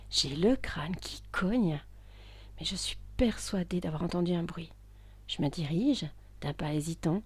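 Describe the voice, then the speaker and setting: Hushed woman telling a story. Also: fairly low pitch, slightly rough. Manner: hushed, intimate, with tense outbursts. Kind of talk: first-person story narration, often whispered.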